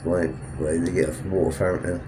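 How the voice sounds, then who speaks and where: At a moderate pace and with little pitch movement, a low-voiced Englishman gives casual vlog narration from a Ferris wheel cabin at night. His nose is blocked and sniffly, and he rambles and corrects himself. Background noise runs underneath.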